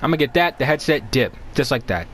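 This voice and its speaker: A man's voice: mid-range voice, expressive, fast talker, crowd noise. A young man co-hosting a podcast in casual, slangy banter, repeating himself for emphasis. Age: young adult. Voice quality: slangy speech. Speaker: podcast co-host.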